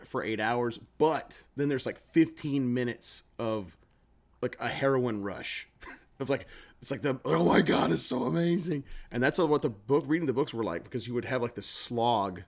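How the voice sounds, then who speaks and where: This man co-hosts a gaming podcast and speaks at an everyday middle pitch. He rambles through long tangents, stacking up one "like" after another as he thinks out loud. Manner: rambling, heavy use of "like". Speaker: podcast co-host, game master. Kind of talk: casual podcast chat.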